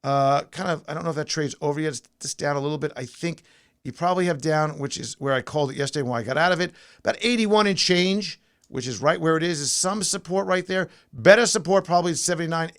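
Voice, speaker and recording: A man's voice: a little high, fairly bright tone. A man hosting a pre-market stock show, casually talking through charts and thinking aloud with fillers and restarts.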